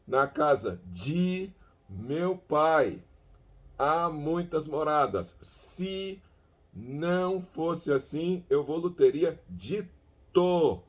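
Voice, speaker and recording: A man giving a language lesson who speaks slowly, repeats words and sounds them out, checking in often with his listeners. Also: fairly high pitch, animated. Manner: keeps checking in with "ok?". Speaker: language teacher. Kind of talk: bilingual Bible-verse language lesson.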